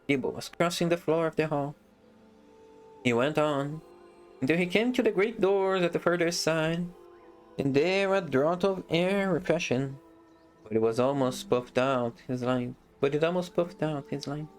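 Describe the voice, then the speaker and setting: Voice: mid-range voice, normal speed, faint music behind. A streamer reading a fantasy novel aloud on a live stream, breaking off for casual, joking asides.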